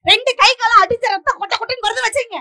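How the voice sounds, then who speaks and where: A woman with a very high, piping voice speaks at a comic stage debate. She talks at a brisk clip and needles the judge with one question after another. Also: fairly even intonation, bright, forceful tone, dry recording. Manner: rapid teasing questions, bursts into song.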